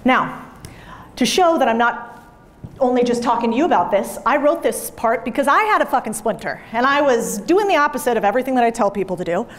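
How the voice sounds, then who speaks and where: A woman in her thirties with a fairly high voice speaks on stage to a live audience. She is blunt and emphatic, swears freely and drives home each point in a motivational talk. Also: lively intonation, a little fast. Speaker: business speaker. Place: event room with audience.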